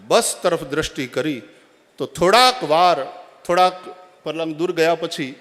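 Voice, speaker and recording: A man giving a devotional address at a religious gathering, telling a parable and rising to loud, emphatic appeals. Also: fairly high pitch. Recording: long hall reverb.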